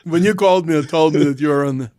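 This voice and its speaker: A middle-aged man with a Russian accent, a guest telling his founder story in a halting, thoughtful way. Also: fairly high pitch, mellow, no echo, clean studio sound. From former Soviet Union. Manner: halting, thoughtful delivery with restarts. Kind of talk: casual podcast conversation.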